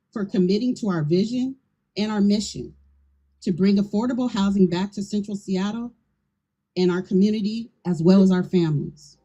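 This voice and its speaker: A woman's voice: medium pitch, mellow, husky, lo-fi sound. A middle-aged woman, a community land trust leader, gives an earnest, rousing speech to a crowd at an outdoor ceremony into a handheld microphone. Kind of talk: public speech at an outdoor event.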